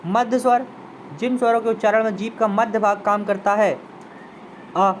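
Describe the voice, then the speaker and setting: A man's voice: sits high, steady tone, fairly quick, slight background noise, poor audio. A man teaching a Hindi grammar lesson, repeating terms and sounding out example vowels while inviting students to try them. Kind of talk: classroom lesson explanation.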